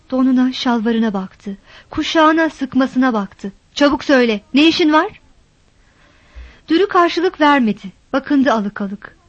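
A woman reading a novel aloud in measured, steady audiobook narration. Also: sits high, dry recording, muffled recording.

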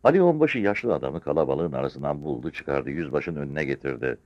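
Deep-voiced male audiobook narrator. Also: a little fast, dry recording. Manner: expressive storytelling reading. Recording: dull lo-fi recording.

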